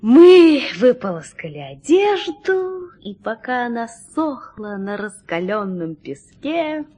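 A woman narrating a story in a lively, expressive reading style. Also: a little high, slow pace, husky.

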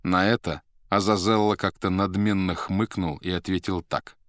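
A man narrating a novel as an audiobook, measured and unhurried. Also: low voice, steady tone, no echo, studio quality. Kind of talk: scripted literary narration.

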